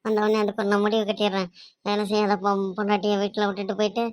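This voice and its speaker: A woman's voice: medium pitch, completely flat delivery, rapid-fire, natural voice. A woman voicing a scolding, self-pitying old mother-in-law in a cartoon comedy, complaining and grumbling on and on.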